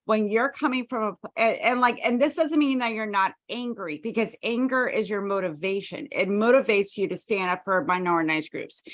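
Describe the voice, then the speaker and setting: A woman talks in an everyday voice, earnest and steady, stacking repeated phrases to make her point. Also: medium pitch. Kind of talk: earnest conversational argument.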